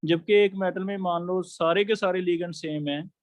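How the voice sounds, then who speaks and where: Man lecturing a chemistry class, high voice, dry close sound, explains step by step. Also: steady tone, normal speed, no room sound. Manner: explains step by step, asks students questions. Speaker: chemistry teacher.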